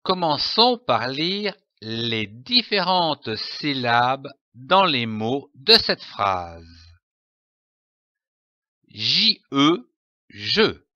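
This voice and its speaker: A man giving a reading lesson, spelling out letters and sounding out each syllable clearly. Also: medium pitch, bright, forceful tone, no echo, muffled recording. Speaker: reading teacher.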